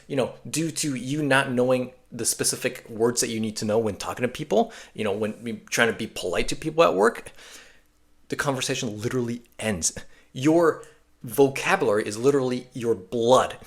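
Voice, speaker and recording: A young man who grew up in Japan, talking straight to his viewers as a language coach, emphatic and energetic, with many fillers and restarts. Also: medium pitch. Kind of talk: direct-to-camera coaching talk.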